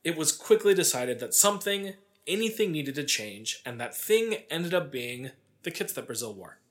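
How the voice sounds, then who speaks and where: A podcast host recounts sports history casually, tossing in wry asides, and the storytelling is partly scripted. His voice is fairly high with big swings in pitch. He speaks at a moderate pace.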